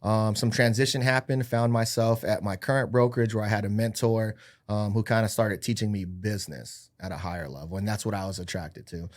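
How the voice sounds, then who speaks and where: Slightly mellow and on the low side, this man's voice moves a little fast with fairly even intonation. In his thirties, he was born in Hawaii, raised in California and Arizona, and sells real estate. Guesting on a podcast, he casually tells his life story in an upbeat, self-mocking, joking style.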